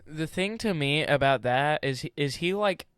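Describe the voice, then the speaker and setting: A man's voice: a little high, expressive, unhurried, fairly bright tone, smooth, dry recording, studio quality. A young man co-hosting a casual podcast, joking playfully and throwing in goofy asides. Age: young adult. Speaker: podcast co-host.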